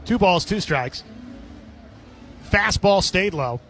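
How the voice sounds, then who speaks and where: On live radio, a male baseball announcer with a strikingly high voice calls the play-by-play in clipped, descriptive phrases, like a typical sports commentator. His intonation is lively, his pace slow, and his tone fairly bright.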